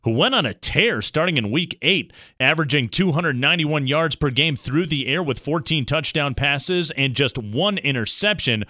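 A man's voice: a little high, lively intonation, normal speed, pushed and bright, no room sound, clean studio sound. A man hosting a sports show, reading a scripted preview.

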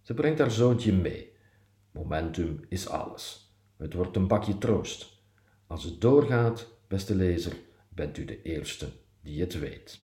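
Deep-voiced man, dry irony. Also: expressive, slow, warm tone, roomy sound. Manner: dry, self-mocking irony. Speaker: columnist reading his column. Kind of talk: reading a personal column aloud.

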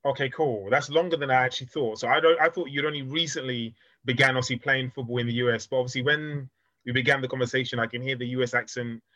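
A man hosting a football podcast, talking quickly and leaning on "obviously" as he asks questions, on a dull, dry recording. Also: medium pitch, fairly even intonation, bright, forceful tone, no echo. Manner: fast, leans on "obviously". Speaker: podcast host. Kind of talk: podcast interview.

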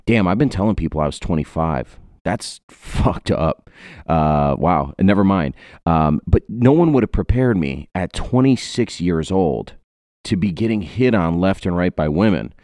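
A man's voice: sits low, lively intonation, a little slow, darkish tone, dry recording, clean studio sound. A man in his twenties from Ohio, hosting a podcast in a rambling, joking way with many fillers. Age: 20s. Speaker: podcast host. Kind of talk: casual podcast chat.

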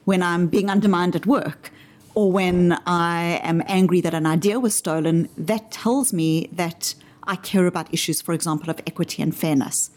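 This is a woman with a South African accent and a somewhat low voice. She answers an interviewer in a measured, articulate way. She grounds her points in everyday examples. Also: steady tone, a little mellow. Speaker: interview guest explaining her framework.

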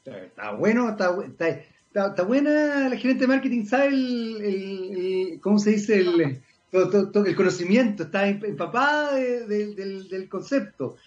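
A man's voice: sits high, very animated, normal speed, muffled recording. A Chilean man hosting a casual radio interview, chatty and self-mocking, talking at length. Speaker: radio host.

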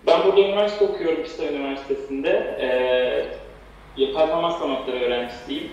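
A young man in his twenties, a guest calling in to an interview, relaxed with hesitant fillers. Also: on the high side, fast talker. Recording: distant dull echoey call audio.

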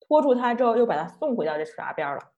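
A woman giving an online lecture, telling a story in a chatty, lively way. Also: a little high, racing, muffled recording. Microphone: online talk, computer mic.

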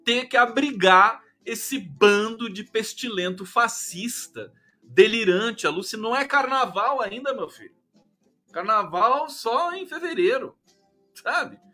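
Animated, sarcastic Brazilian man streaming. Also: a little high. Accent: Brazilian Portuguese. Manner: animated, sarcastic and profane, with a tag question after many phrases. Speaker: live stream host. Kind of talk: casual political commentary on a live stream.

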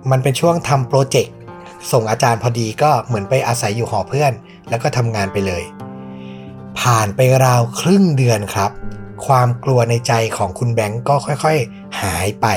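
A man hosting a podcast, telling a true ghost story in a suspenseful, conversational way. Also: medium pitch. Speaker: podcast host.

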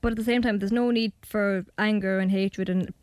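A woman's voice: medium pitch, steady tone, normal speed, a little mellow, dry recording. A young Irish woman in her twenties, chatting casually as a radio guest and narrating her own documentary. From Ireland. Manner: chatty, hedging with fillers. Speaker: student documentary maker.

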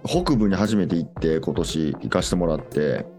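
A deep-voiced man with a Kansai accent tells a relaxed story on a radio talk show. He is a reggae DJ who trails off mid-sentence, and faint music plays behind him. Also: moderate pace. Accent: Kansai Japanese. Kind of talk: casual radio chat.

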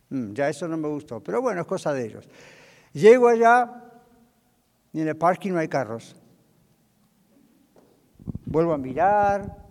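A man's voice: a little high, a little mellow, big-room sound. An older man preaching a sermon as pastor, telling stories emphatically and acting out the dialogue.

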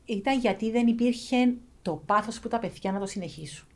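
A woman's voice: on the high side, a little mellow. A woman with a Cypriot Greek accent talking casually as an interview guest, emphatic and repeating phrases for stress. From Cyprus. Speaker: interview guest, clothing factory owner.

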